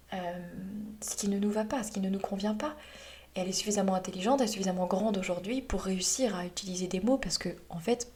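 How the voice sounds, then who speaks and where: A young woman talks in a casual, reflective podcast manner. She keeps her voice soft, gentle and calm, at an ordinary middle pitch. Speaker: podcast host, mother.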